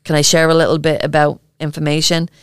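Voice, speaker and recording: A woman with an Irish accent co-hosting a podcast, talking earnestly and haltingly with many filler ums. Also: sits low, monotone, smooth, no echo, studio quality. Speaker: podcast co-host. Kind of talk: casual podcast chat.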